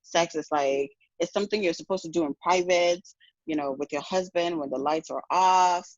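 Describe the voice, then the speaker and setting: A woman's voice: lowish voice, moderate pace, no echo, highs cut off. A woman from Ghana, speaking frankly in a casual podcast conversation, often restarting and adding "you know". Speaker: podcast guest.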